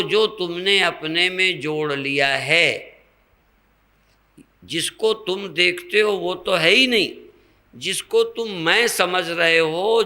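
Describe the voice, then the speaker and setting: An older swami with a high-pitched, sharp-toned, gravelly voice gives a slow spiritual sermon. He teaches using rhetorical questions and everyday examples.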